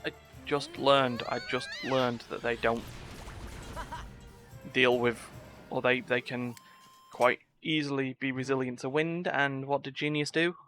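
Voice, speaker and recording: A man streams a game and comments live, tossing out playful exclamations and muttered asides while video game music plays behind him. He speaks a little slowly at a medium pitch with little pitch movement and a fairly bright tone.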